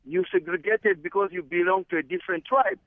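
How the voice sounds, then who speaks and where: A man's voice: high-pitched, dry recording. Man calling in over a dull line. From Zambia. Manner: earnest, measured, hesitant fillers. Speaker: caller. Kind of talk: call-in phone conversation.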